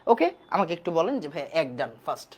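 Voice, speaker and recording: A woman's voice: sits low, sing-song, quick pace, a little mellow, slightly rough, lo-fi sound. Woman, online chemistry lecturer who repeats and quizzes. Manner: repeats key points and quizzes the class. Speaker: chemistry teacher.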